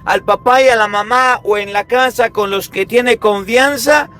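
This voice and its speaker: A priest with a high voice delivers a Sunday sermon at a measured pace, lively and emphatic. He keeps firing rhetorical questions at his listeners while faint music plays in the background.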